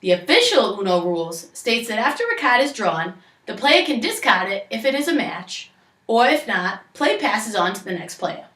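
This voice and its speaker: Lively young Boston-accented woman, echoey room. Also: fairly high pitch, normal speed. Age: young adult. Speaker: presenter of a game tutorial. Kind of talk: scripted instructional read-aloud in a storytelling manner. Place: living room, indoors. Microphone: camera a few metres away. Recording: echoey room, distant camera mic.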